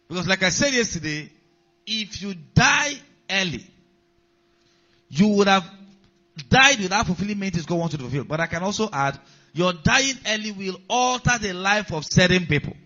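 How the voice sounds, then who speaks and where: With a high voice and a sharp tone, a pastor preaches, repeating key lines and checking in with the congregation through call-outs. The sound quality is dull and lo-fi.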